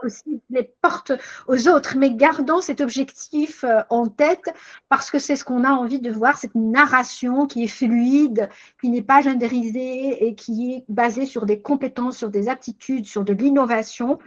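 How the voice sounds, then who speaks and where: An older woman with a high-pitched voice hosts a webinar over a video call, speaking at a measured pace. She thoughtfully recaps and reframes her guest's points as the discussion goes on. The highs in the audio are cut off.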